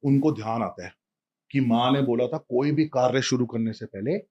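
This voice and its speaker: A man telling a devotional story in a lively, casual way, talking straight to a listener. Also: mid-range voice, normal speed, lo-fi sound.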